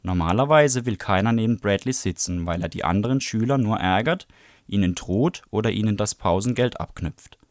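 Male book presenter, low voice, dry close sound, measured read-aloud. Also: expressive, no room sound.

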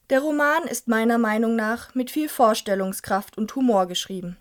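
A young adult woman presenting a scripted book review and reading a passage aloud in a clear, even storytelling manner. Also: a little high.

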